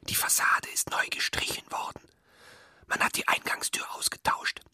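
A narrator speaking in a slow, hushed, reflective whisper, in whispered narration.

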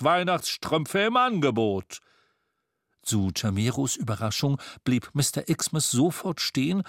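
A man narrating a storybook in an expressive storytelling manner. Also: medium pitch, no room sound, clean studio sound. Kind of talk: audiobook narration.

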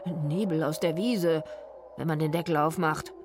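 A woman's voice: low-pitched, fairly even intonation, slow pace, music in the background. A woman voicing a whiny, fearful middle-aged male crook who stammers and frets, read as a storybook character. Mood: stammering scared. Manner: stammering, jittery.

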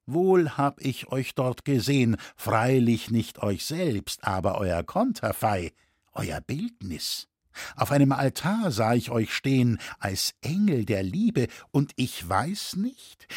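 A man reading a proud, defiant older woodcarver in a husky voice. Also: medium pitch, a little mellow, dry recording, clean studio sound, exaggerated voice.

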